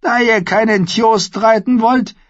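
A man voicing a drunken, cruel young king who shrieks and mocks in a high, drawn-out voice. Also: steady tone, no echo, highs cut off. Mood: shrill taunting.

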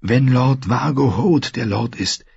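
A man's voice: medium pitch, slow pace, creaky, darkish tone, breathy edge, no room sound, pitched above the performer's own voice, full character voice. A man voicing a fierce, determined young girl in a storybook reading. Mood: urgent, determined. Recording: dull lo-fi recording.

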